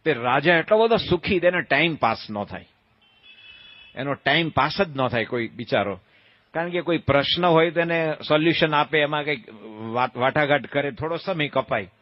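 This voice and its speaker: A man delivers a joking sermon as a monk, spinning a folksy tale and acting out the calls and voices of its people. His voice sits a touch high for a man. The sound is close and dry but a little muffled and dull. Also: lively intonation, moderate pace, no echo. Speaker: monk giving a religious discourse. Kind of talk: humorous sermon with storytelling.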